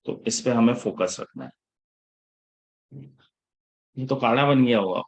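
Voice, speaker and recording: A man teaching a live class in a relaxed mix of Hindi and English, checking in with his students after almost every point. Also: mid-range voice, measured pace. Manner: casual Hinglish teaching, checks in often with the class; scolds students about attendance. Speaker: instructor.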